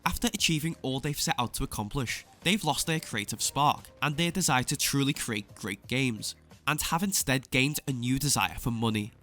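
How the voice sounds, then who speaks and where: A man's voice: medium pitch, a bit bright. A man delivering scripted opinion commentary as a video essayist, with a sarcastic, scathing exposé tone. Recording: clear music bed under voice. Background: background music.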